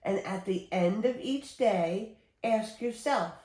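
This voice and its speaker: Here a storyteller, an older woman of medium pitch, reads aloud from a children's picture book, shaping each phrase deliberately and expressively for little ones. Background noise and a roomy echo color the audio.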